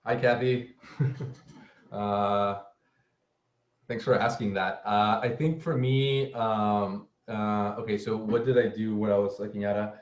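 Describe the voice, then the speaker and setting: The lo-fi, echoey recording captures a young man from El Salvador, a software engineer guesting on an informal panel. His lowish voice holds a steady tone, though he hesitates constantly with fillers and stumbles on repeated words.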